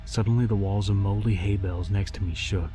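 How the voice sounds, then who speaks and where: A man narrating a scripted scary story in a haunting, deliberate storytelling voice. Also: low voice, fairly even intonation, warm tone. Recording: music behind the voice. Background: music.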